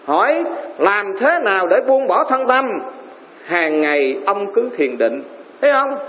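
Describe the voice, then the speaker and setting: A man's voice: high-pitched, sing-song, unhurried, a little hiss or hum. A man preaching as a Buddhist monk to lay followers, often quizzing the audience. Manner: keeps quizzing the audience with questions. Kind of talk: sermon. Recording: reverberant hall, dull lo-fi sound.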